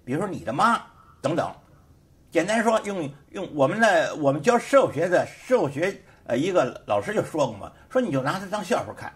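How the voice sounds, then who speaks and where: Male studio host, high and very lively pitch, emphatic rhetorical commentary. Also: a little fast. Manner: emphatic and repetitive, heated rhetorical questions. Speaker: show host and sociology teacher. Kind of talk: casual political commentary monologue.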